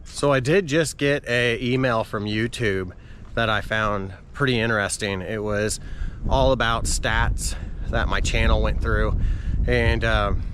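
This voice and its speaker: A man's voice: mid-range voice, fairly bright tone, a little hiss or hum. A man talking casually to his viewers as a running vlogger while out on a walk outdoors. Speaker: running vlogger and channel host. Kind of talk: casual vlog talk to camera.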